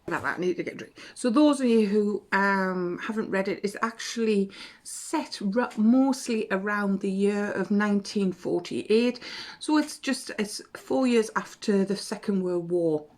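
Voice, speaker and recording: Woman, casual booktube chat, rambling and self-correcting, slight cough. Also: medium pitch. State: has a cough. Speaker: booktube vlogger. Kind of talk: casual book chat to camera.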